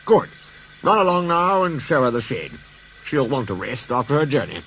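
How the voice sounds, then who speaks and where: A man's voice: mid-range voice, sing-song, moderate pace, a bit bright, slight background noise, pitched above the performer's own voice. A man voicing a pompous, authoritative railway controller in a children's story, speaking formally and with command. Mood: brisk, formal.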